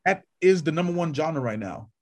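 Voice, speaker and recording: A man's voice: on the high side, animated, normal speed, darkish tone. A man co-hosting a podcast in casual chat, rambling with many restarts and perking up when he lists names. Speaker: podcast co-host.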